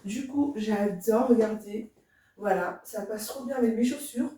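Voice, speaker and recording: Young woman, beauty vlogger, chatty and soft-spoken, mellow voice, very echoey room, distant from the mic. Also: mid-range voice, a little slow. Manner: chatty, enthusiastic, addresses viewers directly. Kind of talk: casual get-ready-with-me vlog. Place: indoor room. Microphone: camera standing at a distance.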